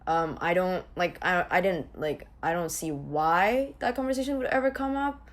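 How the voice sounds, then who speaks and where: A woman's voice: on the low side, normal speed. A young woman from Indonesia, a podcast guest, talking casually with hesitant restarts and many likes. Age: young adult.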